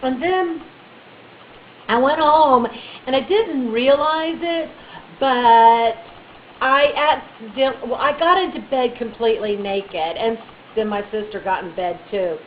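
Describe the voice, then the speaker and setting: A woman telling a funny personal story in a chatty, animated way, with bits of playful baby talk. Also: on the high side, takes it slowly, highs cut off, slight background noise. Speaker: vlogger.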